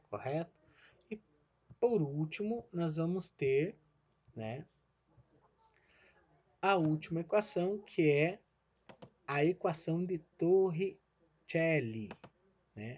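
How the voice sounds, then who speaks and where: Male teacher, slightly high voice, online lesson, step by step, checks in often, muffled lo-fi audio. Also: a little mellow. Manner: explains step by step, asks "né?" and "certo?" after each point; calls himself "the teacher" in the third person. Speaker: physics teacher. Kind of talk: recorded online lesson at a drawing screen.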